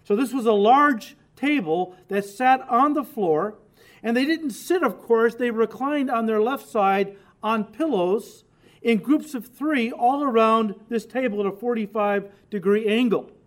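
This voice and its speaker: High-voiced man teaching a sermon. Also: measured pace. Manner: emphatic, conversational, addresses listeners directly. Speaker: pastor and Bible teacher.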